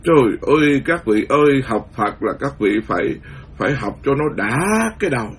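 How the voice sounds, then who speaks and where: A Buddhist monk giving a lively storytelling sermon, acting out the voices of the people in his story. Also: medium pitch, normal speed, slightly rough. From Vietnam. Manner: animated, acts out quoted voices, laughs at his own story. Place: lives in the US, speaking to followers.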